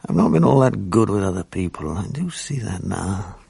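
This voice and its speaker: A British actor in his fifties plays a weary, bitter writer, bereaved and sleepless, who narrates his days in a dry, self-mocking, gloomy way for a radio drama. His low, warm voice is sing-song, fairly quick, creaky and slightly rough, and the performance is heavily acted. The recording is dry.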